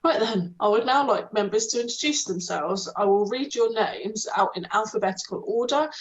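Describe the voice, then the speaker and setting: A woman with a medium-pitched voice speaks at a normal speed as she chairs a formal committee meeting over a video call. She reads out the procedure aloud, letting slip the occasional hesitant um. The audio is dull and lo-fi, typical of a video call.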